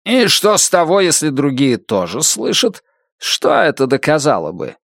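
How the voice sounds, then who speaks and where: A man's voice: a little high, huge pitch swings, moderate pace, gravelly, fairly bright tone, no echo, clean studio sound, exaggerated voice. A man doing a wry, drunken old tramp. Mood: probing.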